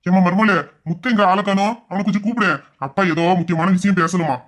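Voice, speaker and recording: A man voicing a middle-aged father-in-law who gives brisk orders around the house. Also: sits high, steady tone, close to an everyday voice. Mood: polite. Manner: brisk, commanding.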